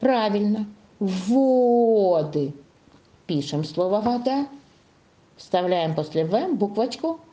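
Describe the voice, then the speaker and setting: A woman leads a young class through a lesson, her pitch swinging up and down as she coaxes answers from the pupils. Her voice is mellow and soft-edged, and she stretches out key words slowly while dictating. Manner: slow, drawn-out dictation to young children; coaxing, sing-song questioning. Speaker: primary school teacher.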